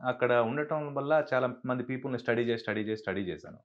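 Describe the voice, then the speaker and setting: A man's voice: medium pitch, quick pace, muffled recording. A man who works as a dubbing artist, telling stories in a casual interview and acting out the voices of people he quotes. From Andhra Pradesh, India. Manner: animated, acts out quoted dialogue.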